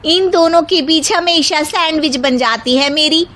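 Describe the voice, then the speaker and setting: A woman puts on an aggrieved middle daughter-in-law in a domestic tale. Her voice sits high. She grumbles plaintively, sounding put-upon. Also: measured pace, a bit bright.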